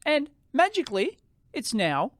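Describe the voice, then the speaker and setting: An Australian man with a high-pitched voice and rising sentence endings, giving an excitable, casual off-the-cuff gear demo into a close microphone. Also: a little slow, no echo. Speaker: tech reviewer hosting a gear demo. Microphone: close podcast microphone.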